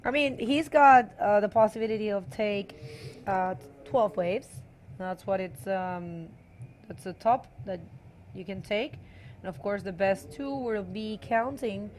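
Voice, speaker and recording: A woman's voice: mid-range voice, unhurried, a little mellow, slight background noise. A woman giving casual live commentary on a surf contest, hesitating often and filling gaps with fillers.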